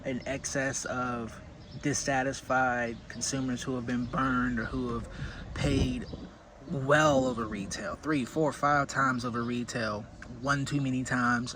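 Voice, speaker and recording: Male host, mid-pitched voice, informal opinionated commentary, thinking aloud, clearly noisy recording. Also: unhurried. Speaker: whiskey review host. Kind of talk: casual solo commentary.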